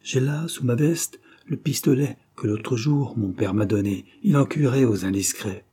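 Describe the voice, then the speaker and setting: A man's voice: mid-range voice, moderate pace, warm tone, slightly rough. A man voicing a brave, cheerful teenage boy in a storybook reading. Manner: confident, lighthearted.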